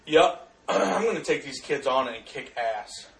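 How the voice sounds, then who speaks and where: A man chatting casually with friends while watching a video, cracking loud, crude jokes and swearing. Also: mid-range voice, animated, unhurried, vocal fry. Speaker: commentator. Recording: echoey room, far from mic.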